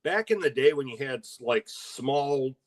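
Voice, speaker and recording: A man's voice: mid-range voice, expressive, a little slow. A man from Michigan co-hosting a live-stream chat, chatty and wry, laughing easily. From Michigan, USA. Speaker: co-host.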